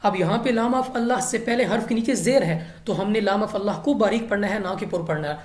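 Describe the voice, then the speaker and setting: A woman's voice: mid-range voice, brisk, darkish tone. A woman teaching Quran recitation rules in a patient, step-by-step way. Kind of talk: recitation lesson. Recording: echoey room.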